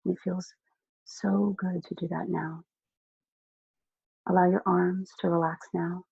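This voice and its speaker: Soft gravelly hypnotist voice, dull lo-fi. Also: medium pitch, flat delivery, no echo. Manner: slow, soft, soothing instructions with long pauses. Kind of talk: guided relaxation hypnosis script.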